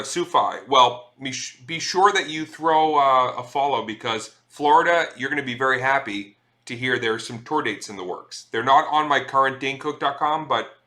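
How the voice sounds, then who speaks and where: Chatty bright-voiced man streaming live. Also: mid-range voice. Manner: chatty, swears freely, reads chat aloud. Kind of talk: casual live-stream chat.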